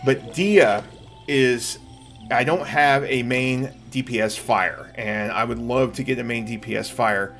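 A middle-aged man streams a game, giving casual live commentary as he plays, with game music behind his voice. He speaks a little slowly in a medium-pitched, slightly bright voice.

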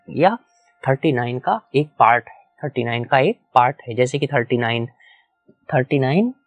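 A man's voice: medium pitch, slightly rough, dry recording. A man teaching a whiteboard lecture, explaining step by step, repeating key points and asking the class questions. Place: small room with a whiteboard.

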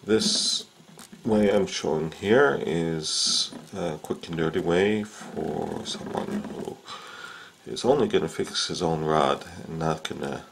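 At an indoor workbench, a fishing rod repair instructor leads a casual how-to demonstration of a hands-on repair. His extremely low, gravelly voice moves slowly and unhurriedly, with frequent "uh" and "um" pauses as he works. Faint room-noise hiss runs underneath.

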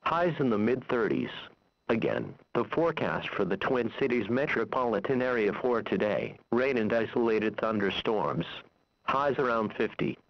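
An American man's synthesized-sounding weather radio voice, reading a scripted bulletin in a formal, measured manner. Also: mid-range voice, no room sound. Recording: dull lo-fi weather radio broadcast.

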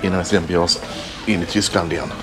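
A man's voice: low-pitched, steady tone, over loud music. A middle-aged man vlogging his road trip, chatting enthusiastically to a handheld action camera as he walks outdoors and through a roadside rest stop. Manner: chatty, enthusiastic tour-guide commentary. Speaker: travel vlogger. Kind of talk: casual travel vlog narration. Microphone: action camera held at arm's length.

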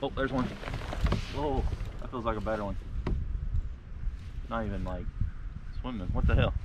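A man's voice: medium pitch, a little slow, long pauses. Man muttering on a windy kayak. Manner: talks to himself and the fish in short bursts. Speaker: kayak angler filming his tournament day. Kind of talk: casual on-water commentary. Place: outdoors on a kayak on a lake. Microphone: action camera mounted on the kayak. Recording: distant camera mic, dull sound, loud wind.

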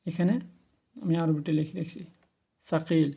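Slow, high-voiced man teaching patiently. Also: steady tone, muffled recording. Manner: patient, repeats words slowly for learners. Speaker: language teacher. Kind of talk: spoken lesson on Arabic pronunciation.

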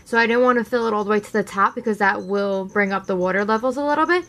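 A young woman giving a relaxed, chatty DIY tutorial with lots of filler words, sitting on her living-room floor and recorded by a camera a few feet away. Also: medium pitch, quick pace, poor audio. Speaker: pet care vlogger.

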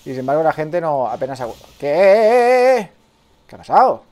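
A man's voice: mid-range voice, racing, darkish tone. A man from Spain with a Spanish accent, streaming a game live, swearing often and chatting with his viewers. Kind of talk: live gameplay commentary.

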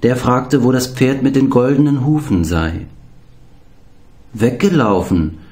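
A man calmly narrating a children's audiobook. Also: mid-range voice, normal speed. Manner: calm, storytelling.

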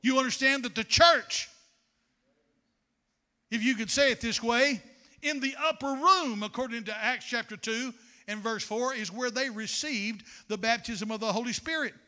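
An older pastor delivers a sermon from the pulpit at normal speed, his voice very high and piercingly bright. Speaking fervently into a handheld microphone in a church sanctuary, he warmly calls the congregation "honey" and builds to shouted, rhythmic declarations.

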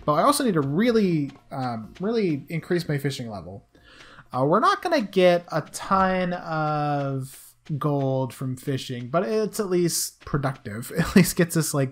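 A young woman with a low, slightly scratchy voice hosts a let's play, her pitch lively and her tone playful. She chats casually through the game and talks to its characters, with soft game music in the background.

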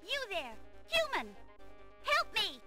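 Indignant young fantasy noblewoman, piercingly high, bright, imperious, game voice over music. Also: huge pitch swings, takes it slowly, heavily acted. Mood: terrified pleading. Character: haughty, impatient young winged noblewoman in distress. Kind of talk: fantasy adventure game voice acting.

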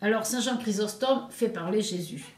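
A woman, a nun, giving a measured spiritual commentary on scripture, with emphatic rises and quiet asides. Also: medium pitch. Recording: echoey, from a distant mic.

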